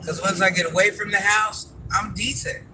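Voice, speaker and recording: Streaming casually from his car after work, a man chats with viewers, greets them by name and wanders off topic, calling himself granny. His voice sits high at a normal speed, and the poor audio carries steady car noise in the background.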